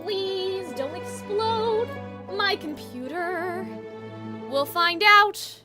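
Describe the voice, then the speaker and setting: A video game streamer hosts a live stream, chatting casually to viewers in an informal, exclamatory way and swearing freely. Her voice is very high and she draws out her words. Music plays in the background.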